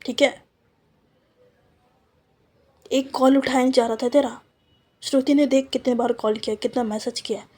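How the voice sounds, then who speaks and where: Woman reading as a blunt, scolding young friend in a storytime, mellow husky voice. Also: high voice, steady tone, normal speed, long pauses.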